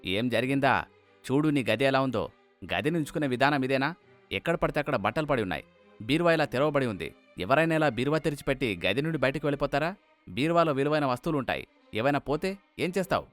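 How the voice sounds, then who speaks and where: A man voicing a stern, strict elderly father-in-law in a cartoon story, scolding loudly. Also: medium pitch, lively intonation, fast talker, faint music behind, close to an everyday voice. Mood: angry scolding. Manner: scolding, loud.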